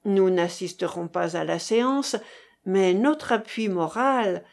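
A woman's voice: mid-range voice, slow pace, gravelly, darkish tone. A woman voicing a tall bearded young man student who teases his friends. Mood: teasing.

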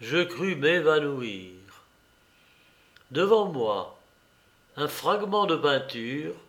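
A man narrating a story aloud in a slow, measured, storytelling manner. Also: a little high, sing-song, a bit bright. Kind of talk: audiobook narration.

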